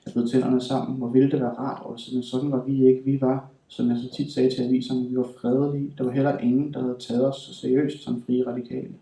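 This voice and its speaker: A man reading his own literary writing aloud in a deliberate, measured way. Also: medium pitch, little pitch movement, warm tone, far from the mic. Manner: measured, deliberate delivery with slow emphatic stretches. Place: reading hall at a writing school. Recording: roomy hall, voice from afar.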